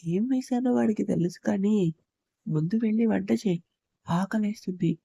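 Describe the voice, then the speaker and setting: A woman's voice: medium pitch, normal speed, creaky, warm tone, husky, no room sound. A woman doing a stern, brooding young husband. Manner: curt and firm.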